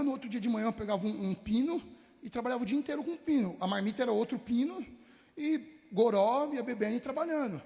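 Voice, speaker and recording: A man's voice: high-pitched, darkish tone, big-room sound. A man, a rapper telling his life story in an interview, full of street slang and acting out old conversations, sometimes choking up. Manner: street slang, acts out past dialogues, chokes up at times. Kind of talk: emotional personal testimony in an interview.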